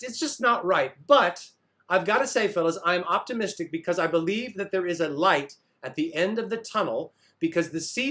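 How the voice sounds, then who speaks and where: High-voiced man rambling on a video call. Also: fairly bright tone. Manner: rambling, hesitant, full of restarts. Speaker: comedy show co-host. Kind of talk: comic banter on a video call.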